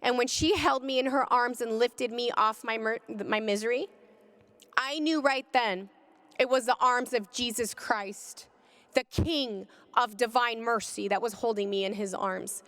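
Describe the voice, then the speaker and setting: A woman delivers an emotional faith testimony to a gathering, her fairly high voice full of conviction. She speaks with deep feeling and her pitch climbs sharply at the most intense moments. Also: unhurried, fairly bright tone, in a large hall. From California. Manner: impassioned, rising to cries in high moments. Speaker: pro-life speaker.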